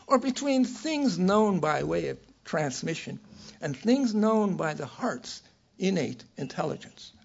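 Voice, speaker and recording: An older man giving a scholarly lecture from a prepared text, in a measured, erudite professorial manner with a raspy voice. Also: high-pitched, highs cut off. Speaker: academic lecturer.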